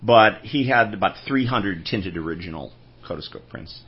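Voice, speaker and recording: A man's voice: fairly low pitch, animated, normal speed, slightly rough, muffled recording. A man telling anecdotes in a casual interview, rambling and restarting his sentences. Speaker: film collector guest.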